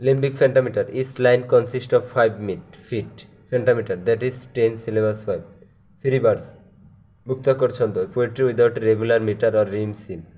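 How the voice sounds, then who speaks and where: Slow, mellow-voiced Bangladeshi man teaching. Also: mid-range voice, lo-fi sound. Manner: switches between English terms and Bengali explanations, with drawn-out fillers. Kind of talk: slow lesson reading out terms and definitions.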